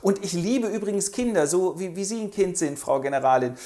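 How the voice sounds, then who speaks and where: A man voicing a naive, gentle young prince who talks in an earnest, stammering, apologetic way. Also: high-pitched, a little fast, pitched above the performer's own voice, close to an everyday voice.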